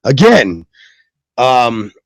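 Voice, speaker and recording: A man's voice: mid-range voice, very animated, drawn-out words, no echo. A male host of a live web radio show, who grew up in the southwestern US and Germany, talks loosely with lots of fillers and self-mocking jokes.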